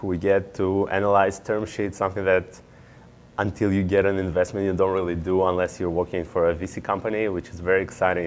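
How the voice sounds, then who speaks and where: A man's voice: low-pitched, a little hiss or hum. A young man, an MBA student and startup founder, answering interview questions in an earnest, explanatory way with occasional fillers. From Israel.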